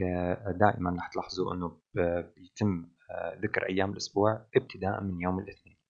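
A man with a Levantine Arabic accent teaching a language lesson, pausing often on drawn-out fillers. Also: deep voice, highs cut off. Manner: hesitant, with frequent drawn-out fillers.

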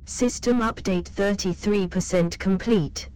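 A woman voicing a female ship computer with a metallic cyborg voice, giving flat, clipped status announcements. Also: medium pitch, unhurried, poor audio. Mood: announcing.

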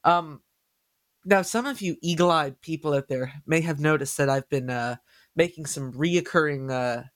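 A man hosting a podcast, chatting casually with a nasal voice and excitable, stumbling delivery. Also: fairly high pitch, normal speed, no room sound, clean studio sound. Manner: excitable, stumbling over words. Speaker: podcast host.

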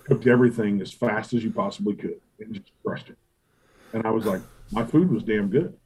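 A middle-aged man, a barbecue pitmaster telling stories in a casual interview, animated and profane, acting out what he and others said. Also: fairly low pitch, a little fast, slight background noise, rough recording. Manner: animated, profane, quotes himself and others in acted asides. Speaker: competition barbecue pitmaster and restaurant owner.

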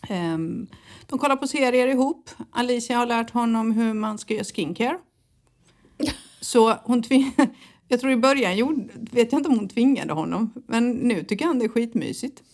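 A woman's voice: on the high side, a little mellow. A middle-aged woman co-hosting a podcast, chatting casually, telling stories animatedly and laughing often. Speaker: podcast co-host. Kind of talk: casual chat.

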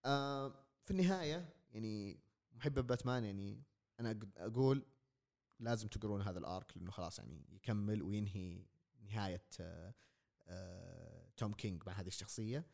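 A man, chatting briskly as a podcast co-host. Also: lowish voice, creaky, a little mellow. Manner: brisk, quick interjections. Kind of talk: casual podcast chat.

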